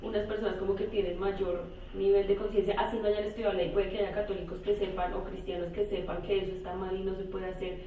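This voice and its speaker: A woman's voice: mid-range voice, flat delivery, fast talker, hardly any pauses, mellow, a little hiss or hum. A woman student asking hesitant questions in a class, often rephrasing as she goes. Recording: very echoey room, distant mic.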